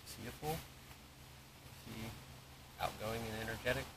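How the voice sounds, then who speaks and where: A man's voice: fairly low pitch, normal speed, gravelly. A man co-hosting a paranormal vlog outdoors, chatting casually in a tentative, musing way. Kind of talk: casual chat. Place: outdoors in a cemetery. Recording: very noisy outdoor field recording.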